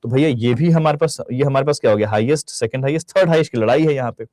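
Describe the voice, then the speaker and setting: A man's voice: medium pitch, rapid-fire, a little mellow, no echo. A young adult man with an Indian Hindi accent teaching banking exam reasoning. He talks straight to his students and mixes in English phrases. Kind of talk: recorded online lecture. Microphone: close studio mic.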